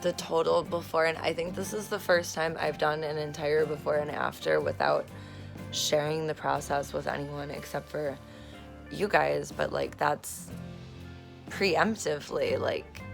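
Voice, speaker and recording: A woman with a low, hoarse, rough voice films herself on her phone at home, in a room being turned into an office. Her casual vlog chat meanders, full of fillers and casual swearing.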